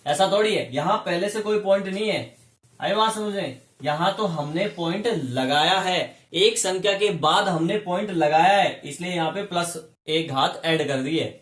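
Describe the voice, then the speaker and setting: A male chemistry teacher leads a classroom lesson, walking through the material step by step and frequently putting questions to his students. His voice is high-pitched and fairly bright, delivered at a normal speed in an echoey room.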